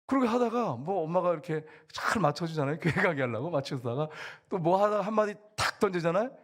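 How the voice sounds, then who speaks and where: Man, pastor, sermon, lively swooping pitch, somewhat high voice. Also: fast. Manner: animated preaching, acting out quoted lines.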